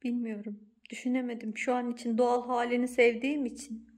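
A woman hosting a casual home vlog, talking to viewers and her daughter in an animated, exclamatory way, with a playful scolding tone. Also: on the high side, brisk. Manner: switches to a cooing baby voice for the cat. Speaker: vlog host and mother. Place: home indoors.

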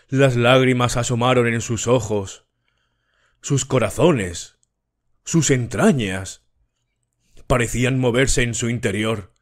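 A man reading a novel aloud as an audiobook narrator, slow and measured. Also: mid-range voice. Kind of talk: scripted narration.

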